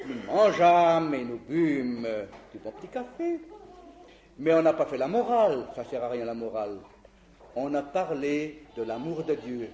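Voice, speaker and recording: Man, preacher, sermon testimony, expressive storyteller, lively pitch, echoey room. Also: measured pace, dull audio, a little hiss or hum. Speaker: evangelist preacher.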